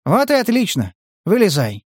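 A man's voice: high-pitched, wildly swooping pitch, normal speed, slightly rough, no echo, clean studio sound, voice pushed up, exaggerated voice. A man voicing a level-headed mercenary talking a scared youth down in a coaxing, persuasive way. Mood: coaxing calm. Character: calm, reasoning young mercenary negotiator.

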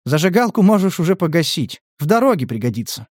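A man's voice: fairly high pitch, big pitch swings, quick pace, darkish tone, no echo, clean studio sound, voice pushed up. A man voicing a level-headed mercenary talking a scared youth down in a coaxing, persuasive way. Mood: coaxing calm. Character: calm, reasoning young mercenary negotiator.

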